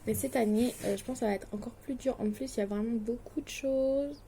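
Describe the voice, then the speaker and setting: Chatty teenage girl, soft mellow voice. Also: on the high side, a little fast, gravelly, slight background noise. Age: late teens. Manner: chatty, hesitant, with many fillers and restarts; anxious, self-deprecating. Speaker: distance-learning student vlogger. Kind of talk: casual chat to camera.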